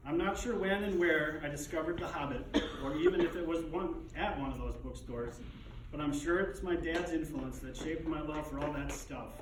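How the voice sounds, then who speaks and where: A man's voice: a little high, moderate pace. Echoey, distant man giving a eulogy, grieving with dignity. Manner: dignified, restrained grief with wry fond humor. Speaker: son giving a eulogy for his father. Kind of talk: prepared eulogy speech. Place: echoey room, speaking to a gathering. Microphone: distant microphone. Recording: echoey, distant, noisy room recording.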